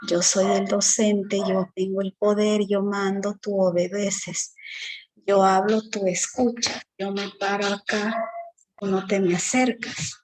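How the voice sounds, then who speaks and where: A woman teacher giving an exam-prep lecture, explaining slowly with many fillers and tag questions. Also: medium pitch, little pitch movement, a little mellow, low-quality recording.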